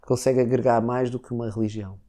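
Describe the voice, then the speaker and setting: A man's voice: medium pitch, steady tone, fast talker, mellow. A man from Portugal speaking European Portuguese, a guest in a casual conversation, who hesitates and restarts often. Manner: hesitant, with many restarts and filler words.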